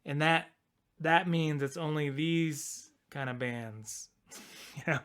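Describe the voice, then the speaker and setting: A man's voice: a little high, takes it slowly, a bit bright, smooth. A man co-hosting a podcast in casual chat, rambling and laughing as he talks things through. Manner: rambling, self-interrupting, laughs often. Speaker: podcast co-host.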